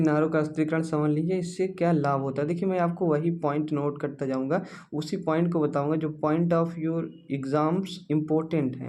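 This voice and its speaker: Slightly high-voiced male teacher, explaining. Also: darkish tone, slight background noise. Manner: repetitive, explains step by step with rhetorical questions; friendly, calls students dear and brother. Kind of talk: exam-focused lecture.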